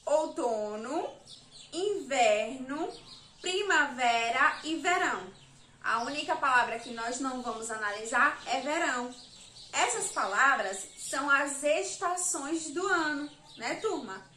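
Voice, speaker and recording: A woman teaching young children remotely counts and spells words aloud with patience, speaking Sergipe Brazilian Portuguese. She's a primary school teacher whose high-pitched voice is animated, unhurried, pushed and bright. The echoey room puts her a bit far from the mic, with a little hiss or hum.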